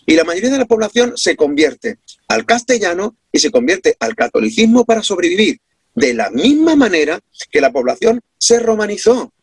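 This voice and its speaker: High-pitched man, Andalusian accent, husky voice, emphatic lecturing, rhetorical questions, dry close sound. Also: no echo. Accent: Andalusian (Córdoba). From Córdoba, Andalusia, Spain. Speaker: interview guest, researcher. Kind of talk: explanatory interview talk. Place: his home.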